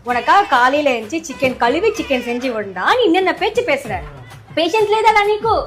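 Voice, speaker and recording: A woman's voice: high voice, very animated, fairly quick, fairly bright tone, faint music behind. A woman acting a scolding, boastful wife in a comedy skit. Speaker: comedy sketch performer.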